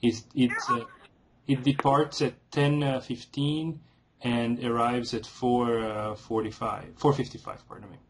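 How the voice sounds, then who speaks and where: A man calling an airline as a customer, making a formal and insistent complaint in a halting way. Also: medium pitch, flat delivery, a little hiss or hum, low-quality recording. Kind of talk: formal complaint on a phone call.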